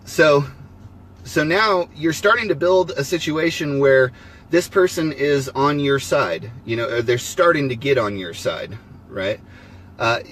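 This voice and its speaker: A man's voice: mid-range voice, a little hiss or hum. A man hosting a casual live stream from his homestead, rambling and acting out both sides of conversations. He has the hiccups. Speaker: homesteading livestream host.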